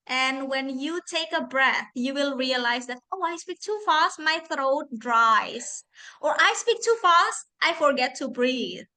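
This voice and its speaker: Bright high-voiced Indonesian woman lecturer. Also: poor audio. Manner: chatty, laughs often, self-deprecating. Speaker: guest speaker, English lecturer. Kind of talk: answering questions in an online session. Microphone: video call.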